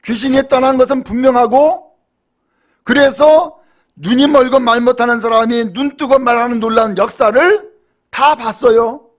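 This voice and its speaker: A man preaching a sermon as pastor. He asks rhetorical questions and swings from hushed, low storytelling to raised, emphatic preaching. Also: moderate pace. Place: church.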